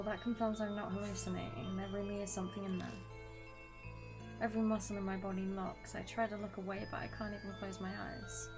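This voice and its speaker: At home with her dog, a young woman who makes gaming videos plays through a horror game, reading its story text aloud while chatting casually and swearing occasionally. Her voice is mid-range and gravelly.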